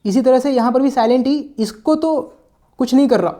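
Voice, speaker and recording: Mellow-voiced male teacher explaining patiently. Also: extremely high pitch, normal speed. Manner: explains step by step, often checks in with the listener; mixes English words into his sentences and sometimes corrects himself mid-word. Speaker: English vocabulary teacher. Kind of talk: explanatory classroom lesson.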